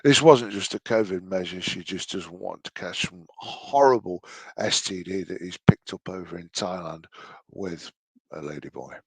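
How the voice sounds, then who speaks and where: A man's voice: deep voice, normal speed, breathy edge, dry recording. An English man in his late forties giving mocking reaction commentary, sarcastic and sweary. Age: late 40s.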